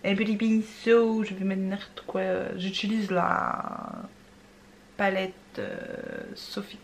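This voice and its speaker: A woman talking casually through a makeup tutorial. She keeps trying out foreign words and repeating them, and sometimes drops to a soft murmur while she works. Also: medium pitch, flat delivery, takes it slowly, gravelly, a little hiss or hum. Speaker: beauty vlogger.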